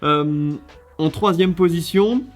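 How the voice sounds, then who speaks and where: A man's voice: a little high, slow. Chatty man with faint music. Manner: lively, chatty, with many fillers and restarts. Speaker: video creator judging a contest. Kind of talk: casual video commentary.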